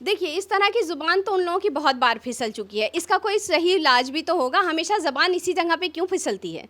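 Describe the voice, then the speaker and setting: Fiery high-voiced woman politician. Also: animated, bright, forceful tone. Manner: fiery, rapid rhetorical questions. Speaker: opposition politician. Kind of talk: impassioned press interview.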